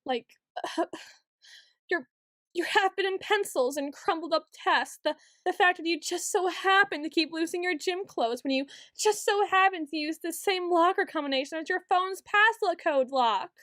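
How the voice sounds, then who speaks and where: A woman's voice: very high-pitched, normal speed, a bit bright, no echo, studio quality. A woman playing a paranoid, obsessive young yandere student in an ASMR role-play, stammering, pleading and accusing as she repeats her words insistently. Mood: bitter, obsessive. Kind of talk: ASMR role-play monologue, acted straight to the listener.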